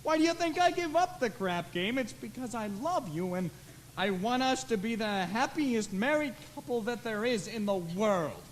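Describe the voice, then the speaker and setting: A teenage boy playing a smooth-talking young gambler in a school musical, coaxing and slangy. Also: high-pitched, animated, normal speed, a little hiss or hum. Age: teens. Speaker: student actor in a school musical. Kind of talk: stage musical acting. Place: school auditorium stage.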